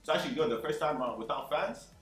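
Young man, twenties, bright tone, easygoing and modest, halting at times, headset mic, echoey room. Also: on the high side, animated, faint music behind. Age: 20s. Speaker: guest. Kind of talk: casual gaming chat. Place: bedroom streaming setup, indoors. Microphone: gaming headset.

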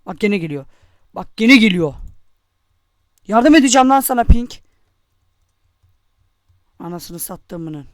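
A man's voice: high voice, expressive, slow pace, pauses often, no room sound. A young man from Turkey giving angry, cursing gameplay commentary, taunting his opponents as he plays. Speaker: gamer.

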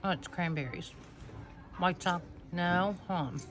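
A woman with a fairly low voice talks casually with her mouth full, chewing while she speaks. She guesses aloud in a hesitant, unhurried way. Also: faint music behind. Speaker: cookie taste tester. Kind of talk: casual chat.

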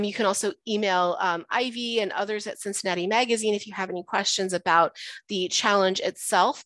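A woman leads a webinar Q and A over a video call, friendly and explanatory, dropping plenty of "um" fillers. Her voice is mid-pitched and a little worn. The sound is dry and close, with no room around it. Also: sharp tone, no echo. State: losing her voice. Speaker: webinar presenter.

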